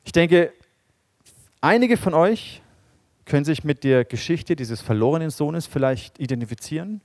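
A man preaching a sermon, retelling a parable with animated storytelling and acting out the quoted characters, sometimes dropping to a quiet, low voice for emphasis. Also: moderate pace, no echo, studio quality. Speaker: pastor.

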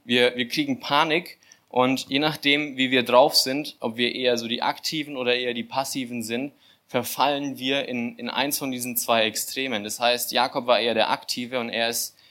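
A young man giving an informal sermon, telling a scripture story with filler words and lively, acted-out asides. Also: mid-range voice, normal speed. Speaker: church volunteer giving a sermon. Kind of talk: casual sermon.

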